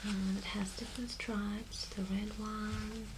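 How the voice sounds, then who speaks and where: A woman speaking in a soft, breathy, often soft-spoken voice, doing an ASMR role-play as a personal shop assistant with gentle, hesitant phrasing. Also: mid-range voice, little pitch movement, takes it slowly. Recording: clear background noise.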